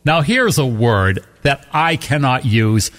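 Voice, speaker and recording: A man's voice: mid-range voice, slow. A man co-hosting a radio show, chatting casually and teasing his co-host. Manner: teasing, animated. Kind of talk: casual on-air banter.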